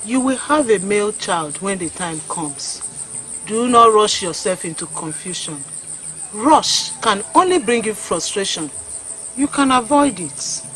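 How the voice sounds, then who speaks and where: A woman with a Nigerian accent playing a calm, cryptic forest goddess in a film drama, speaking in a solemn, oracular way. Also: medium pitch, measured pace. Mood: calm, admonishing. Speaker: actor.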